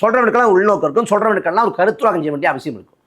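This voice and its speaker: A man from Nadu, speaking as a party spokesman in a political interview, forceful and rhetorical, repeating phrases for emphasis. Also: high voice, lively intonation, racing.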